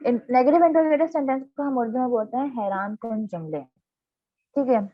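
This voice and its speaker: A woman teacher giving a grammar lesson, explaining step by step, checking in often and reading example sentences slowly. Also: on the high side, dull audio. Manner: reads English examples slowly and deliberately. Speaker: English teacher.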